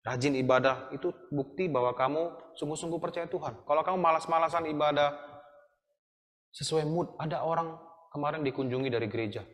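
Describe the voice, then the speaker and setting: A man's voice: a little high, a little fast, a bit bright. A man with an Indonesian accent, teaching a Sunday school sermon to young people in an earnest, admonishing way. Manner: earnest, admonishing, asks the listeners questions. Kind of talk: sermon to youth. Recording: long hall reverb.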